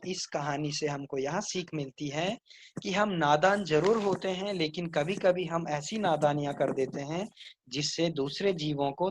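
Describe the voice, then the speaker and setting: A man's voice: on the high side, a little hiss or hum. A male school teacher retelling and explaining a textbook story plainly to children.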